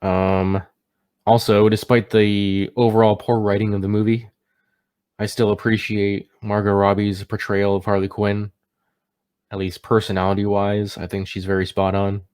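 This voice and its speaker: A man's voice: fairly low pitch, level tone, moderate pace, darkish tone, clean tone. A man giving a casual, unscripted movie review, sounding tipsy as he stumbles over words and catches himself.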